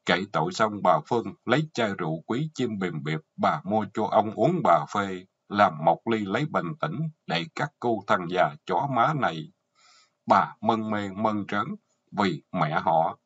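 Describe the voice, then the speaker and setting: A man's voice: lowish voice, fairly bright tone, husky. A man with a Southern Vietnamese accent narrating a short story in an earthy, colorful, mocking way. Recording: dull lo-fi audio.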